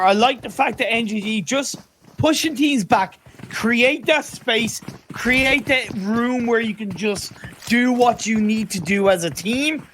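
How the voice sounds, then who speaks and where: Male esports caster, high voice, analytical and chatty, faint background noise. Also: fairly bright tone. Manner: analytical, conversational, tactical advice. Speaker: esports commentator. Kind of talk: live esports commentary.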